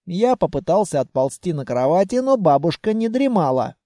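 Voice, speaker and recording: A man narrating a fantasy audiobook in the first person, wry and animated. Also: high voice, moderate pace, dry recording, clean studio sound.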